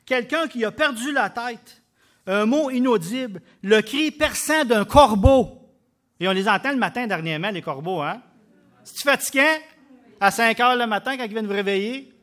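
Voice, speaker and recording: A man with a Québécois French accent preaching a sermon, emphatic, with loud bursts and quiet drops. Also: very high voice, moderate pace. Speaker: pastor.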